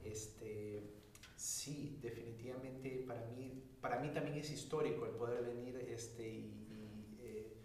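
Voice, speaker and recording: A man's voice: mid-range voice, steady tone, measured pace, darkish tone, heavy reverb, recorded from a distance, slight background noise. A man from Peru introducing himself as a student, hesitant with many fillers.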